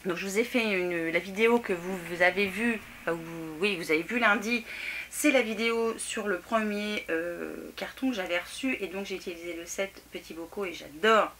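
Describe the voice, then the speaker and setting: A woman's voice: mid-range voice, normal speed, fairly bright tone, slight background noise. A middle-aged woman chatting casually to camera about a craft haul, laughing at herself and filling with lots of little hesitations. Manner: chatty, laughing, self-mocking, lots of fillers. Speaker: craft vlogger. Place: home room near a table.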